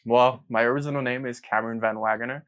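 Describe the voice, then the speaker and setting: A man's voice: mid-range voice, fairly even intonation, quick pace, fairly bright tone, muffled recording. A young man co-hosting a podcast, chatting casually in an upbeat, joking way with slang. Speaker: podcast co-host.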